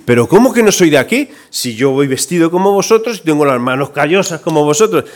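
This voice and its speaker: A man's voice: fairly high pitch, expressive, fast talker, close to an everyday voice. A man doing an eager, puzzled foreigner.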